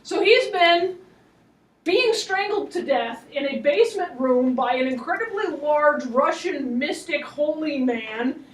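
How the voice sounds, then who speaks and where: A woman lecturing on history as an animated story, with wry, laughing asides, recorded in a classroom. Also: high voice, measured pace, distant mic.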